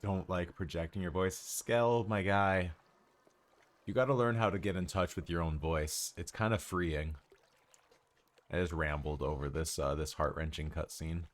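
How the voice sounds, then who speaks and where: A man's voice: low-pitched, normal speed. A man from Wisconsin with a city Midwest accent, rambling casually with lots of fillers and laughs while streaming a game. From Wisconsin, United States. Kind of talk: casual gaming stream commentary. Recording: game music playing underneath.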